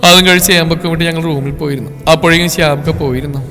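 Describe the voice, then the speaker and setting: A man, telling a story in a plain, steady way. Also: a little high, racing. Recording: echoey room with faint music.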